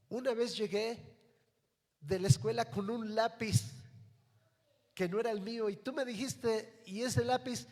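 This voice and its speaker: A condemned young man shouts at his mother, high and loud and full of bitter blame, as a preacher acts him out in his sermon. The voice rings through a big reverberant hall. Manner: shouting, accusing.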